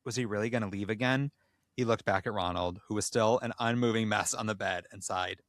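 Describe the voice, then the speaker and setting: A podcast co-host with a lowish voice reads briskly, with no room sound, in dramatic narration. On this comedy podcast he's performing a comedic reading of erotic fan fiction.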